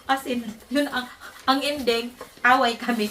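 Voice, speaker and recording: A high-pitched woman from the Philippines tells a story to her vlog audience in a casual, emphatic way, laughing often between points. Her voice sits a little away from the mic. Faint noise hums underneath. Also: measured pace, recorded from a distance. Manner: animated, emphatic, laughs often while telling. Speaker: vlogger.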